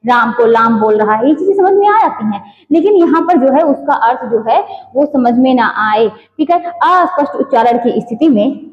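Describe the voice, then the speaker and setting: A woman teaching an exam-coaching class with a high voice. She dictates slowly word by word, repeats phrases and keeps asking rhetorical questions. The sound is dull and lo-fi, with a long echo from the room. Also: animated.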